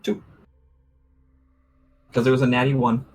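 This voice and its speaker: A man's voice: medium pitch, flat delivery, unhurried. A man playing a tabletop game, describing his character in a plain, matter-of-fact way. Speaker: player.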